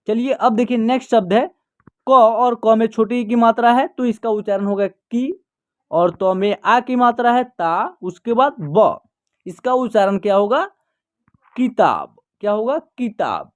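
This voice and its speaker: A patient teacher in a beginner reading lesson. The teacher says each word, then repeats it, stretching the syllables out slowly so learners can follow. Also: medium pitch. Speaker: Hindi teacher.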